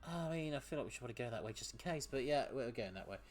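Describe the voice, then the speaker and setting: Speaking very fast in an animated mid-range voice, a man chats through his gaming stream. He reads viewers' messages aloud, laughs often and sometimes trips over his words.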